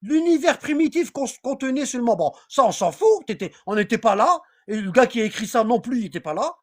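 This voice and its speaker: Expressive, a little fast and medium in pitch, a religious teacher runs a casual online class, reading aloud and then commenting. Phrases get repeated, the talk wanders, and listeners are often asked whether they're keeping up.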